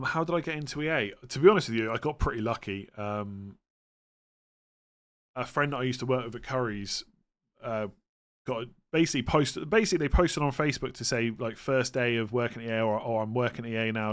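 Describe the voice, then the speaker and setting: A man's voice: mid-range voice, fairly quick. A man with a West Country English accent chatting informally on a livestream, reading out questions and answering them in a matter-of-fact way. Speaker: fantasy football livestream host. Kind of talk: casual livestream chat answering viewer questions.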